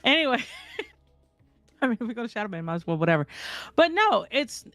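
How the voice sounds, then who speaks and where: A candid, animated woman telling stories in casual chat, her voice sitting a little higher than most and recorded close and dry. She talks bluntly and swears without hesitation, and faint music plays underneath. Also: moderate pace, no room sound.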